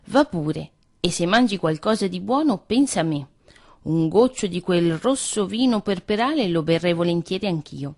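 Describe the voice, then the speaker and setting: A trusting little male mouse from a fairy tale, voiced by a woman reading aloud asks earnest, puzzled questions. The voice stays fairly low but moves up and down with lively inflection. It sits close to the reader's own voice. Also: moderate pace. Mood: friendly.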